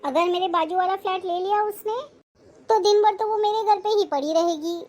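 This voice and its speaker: A woman's voice: extremely high pitch, moderate pace, a little mellow. A woman playing an anxious, complaining young married woman in an acted family drama. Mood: fretful. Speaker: married daughter. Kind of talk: acted Hindi family short film.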